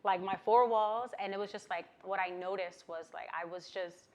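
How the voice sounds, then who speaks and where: A woman's voice: mid-range voice, normal speed, darkish tone. A woman from Queens, talking candidly and casually as an interview guest, often saying "like" and "you know". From Queens, New York, USA. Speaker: interview guest, singer-songwriter.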